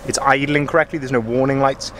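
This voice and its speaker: A Welsh sales manager walks around a van in an outdoor yard and then climbs into the cab, giving a chatty walkaround review full of fillers and repeated "as I say." His mid-range male voice runs fast with fairly even intonation. He holds the camera himself, and background noise is audible.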